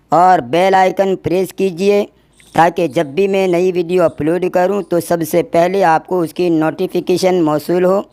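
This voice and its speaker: A man teaching a recorded language lesson, pronouncing letters one at a time in a slow, deliberate drill before explaining the rule. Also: sits high, darkish tone, clean tone, dry recording.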